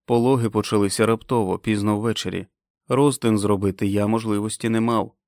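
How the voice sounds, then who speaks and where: A man playing a calm, kindly doctor who speaks in a measured, reassuring way. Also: fairly low pitch, no room sound, studio quality, close to an everyday voice.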